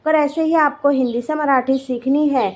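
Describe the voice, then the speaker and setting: A woman teaching a language lesson, repeating each short phrase twice in a clear, deliberate way. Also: sits high, steady tone, darkish tone.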